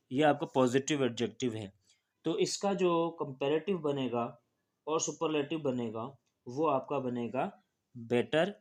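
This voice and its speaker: A man teaching a grammar lesson in a patient, repetitive way, spelling words out letter by letter and often checking in with the listener. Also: medium pitch. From Pakistan.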